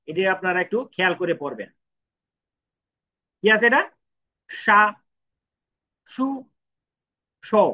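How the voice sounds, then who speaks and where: A man's voice: high-pitched, sharp tone. A man teaching a language lesson, patiently asking and answering his own questions and repeating each syllable three times. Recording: dull lo-fi sound.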